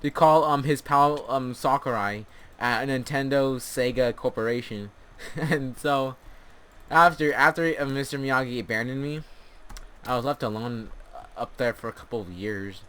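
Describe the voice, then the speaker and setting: A man with a mid-range, fairly bright and clean voice speaks at a measured pace. He hosts a gaming storytelling channel, casually telling comic stories over gameplay and rambling in a tongue-in-cheek, mock-earnest manner.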